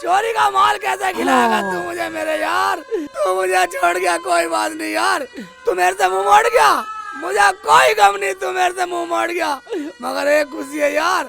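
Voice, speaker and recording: Brief: male actor as a squeaky-high, gravelly comic fool, blubbering and shouting, music bed under him. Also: expressive, normal speed, full character voice. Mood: wailing. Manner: wailing theatrically, shouting, blubbering. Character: bumbling foolish man Sheikh Chilli, loud and weepy. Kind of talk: low-budget comedy film acting. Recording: background music under dialogue.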